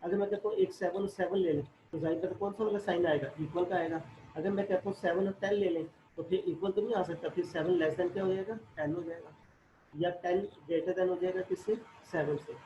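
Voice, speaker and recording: A man's voice: high voice, steady tone, brisk, dark tone. A man teaching a math class, explaining step by step and asking and answering his own questions. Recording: echoey room, dull lo-fi audio, faint noise.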